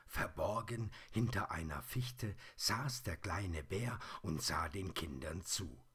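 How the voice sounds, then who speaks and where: Slow, breathy male storyteller. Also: deep voice. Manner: calm, soft and unhurried. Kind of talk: children's storybook reading.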